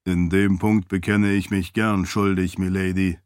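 A man's voice: sits low, flat delivery, a little slow, darkish tone, clear, resonant tone, no echo, studio quality. A man voicing a loyal, polite spirit servant who speaks formally in an audiobook. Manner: formal, courteous.

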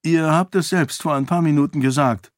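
A man's voice: on the high side, moderate pace, dry recording, studio quality, voice pushed up, lightly acted. A man reading a shrewd, clever man in an audiobook, speaking dryly and with probing questions.

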